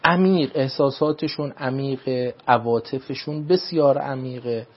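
Husky-voiced man giving measured advice. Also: medium pitch, highs cut off. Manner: formal, measured, repeats phrases like "if I may say". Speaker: religious speaker giving advice. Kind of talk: radio talk show guest.

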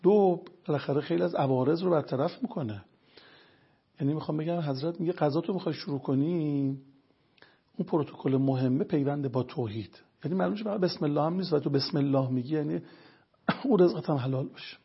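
Gravelly, raspy man explaining earnestly. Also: fairly high pitch, highs cut off. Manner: earnest, lays out points one by one. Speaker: religious health lecturer guest. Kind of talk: explanatory storytelling talk.

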